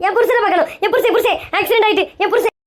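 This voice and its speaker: A woman's voice: very high-pitched, racing. A woman with an acting a distraught, scolding wife in a comedy skit, wailing melodramatically.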